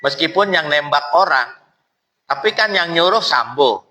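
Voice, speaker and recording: A man's voice: on the high side, a little slow, poor audio. A male preacher, giving a casual, jokey sermon at a mosque study circle. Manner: lively, jokey, colloquial, acts out quotes.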